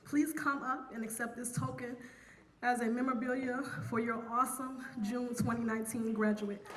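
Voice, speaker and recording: A woman, an academic dean, giving a formal memorial tribute in a measured, solemn manner. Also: fairly high pitch, fairly even intonation, a little hiss or hum. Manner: measured, solemn prepared reading.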